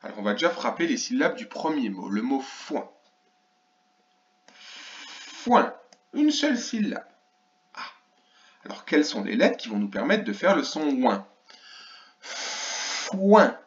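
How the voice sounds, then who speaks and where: A man's voice: medium pitch, huge pitch swings, normal speed. A man teaching a reading lesson to young children, stretching out each sound and syllable with exaggerated care. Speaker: primary school teacher. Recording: roomy, slightly dull recording.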